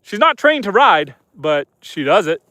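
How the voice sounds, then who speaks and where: Streaming live from his farm at night, a homesteader with a head-cold-clogged nose talks casually and reads comments, his Canadian voice slightly high and a little slow. Despite being outdoors, the sound is studio-clean with no room tone; he stays easygoing and gentle with the animals.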